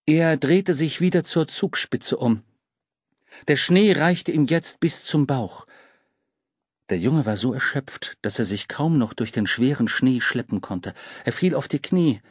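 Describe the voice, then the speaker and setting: A man narrating a children's audiobook in a lively, dramatic storytelling manner. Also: medium pitch, measured pace, no room sound. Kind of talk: scripted narration.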